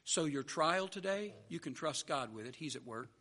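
A man's voice: on the high side, lively intonation, moderate pace, bright, forceful tone. A man preaching a sermon, telling a story and then driving home his point with earnest, repeated phrases.

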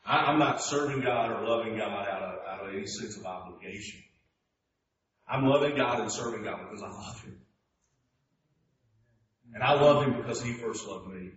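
A man preaching a sermon in a church, moving from hushed, slow passages to loud, high-pitched emphasis. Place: church sanctuary. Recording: echoey hall, distant mic, dull sound, faint noise.

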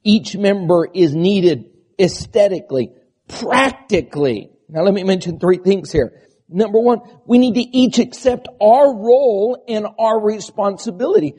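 A male preacher and church pastor delivers a sermon in a high, strained, quavering, bleating voice caused by the vocal disorder spasmodic dysphonia. Despite this, his tone is warm and his pace moderate, and he leans on rhetorical questions and repeated lists.

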